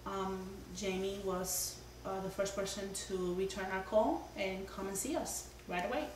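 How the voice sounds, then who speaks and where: A woman's voice: mid-range voice, steady tone, moderate pace. A middle-aged woman, a homeowner, earnestly telling a long story at her dining table with many fillers. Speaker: homeowner giving a testimonial. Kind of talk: casual testimonial. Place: dining room of a house, indoors. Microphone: far camera. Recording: roomy, distant camera audio, faint hum.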